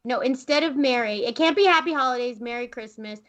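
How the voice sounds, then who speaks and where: A woman's voice: high-pitched, fairly quick, muffled recording. Playful laughing woman podcast co-host. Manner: playful, laughs often, jokey wordplay. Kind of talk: casual chat.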